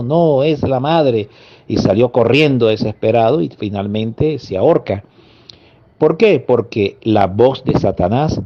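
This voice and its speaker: Low-voiced preacher man, lo-fi sound. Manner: earnest, slow emphatic lists with pauses. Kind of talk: sermon. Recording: dull lo-fi audio.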